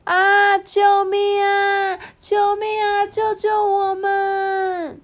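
A woman's voice: very high-pitched, completely flat delivery, very slow, pitched above the performer's own voice, heavily acted. A woman voicing a proud, show-off young female archaeopteryx in a children's storybook, huffing before she speaks. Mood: panicked. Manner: haughty, huffs before speaking.

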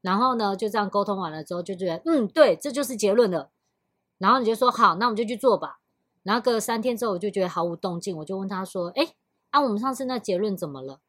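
A woman with a Taiwanese Mandarin accent co-hosting a podcast. She tells workplace stories in a relaxed chat and acts out both sides of the conversations she retells. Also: medium pitch, rapid-fire, no echo, clean studio sound. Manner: storytelling, acts out both sides of quoted dialogue. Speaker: podcast co-host. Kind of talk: casual chat.

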